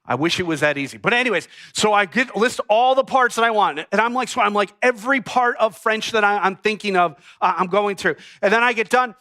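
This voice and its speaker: Brisk and with few pauses, a high, bright-voiced pastor from the United States in his thirties addresses his congregation. He shares a personal story full of jokes and asides, then moves to the teaching, sounding lively and talking straight to the room.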